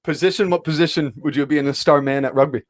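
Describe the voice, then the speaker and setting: A man's voice: on the high side, fairly even intonation, quick pace, a little hiss or hum. Man asking long winding questions. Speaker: podcast host and club announcer. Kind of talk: casual podcast interview.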